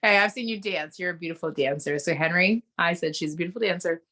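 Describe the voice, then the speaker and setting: A woman hosts a casual interview chat with a bright, forward voice. She is enthusiastic and full of praise, and she strings her questions together in long, loose runs. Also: on the low side, quick pace. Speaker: host.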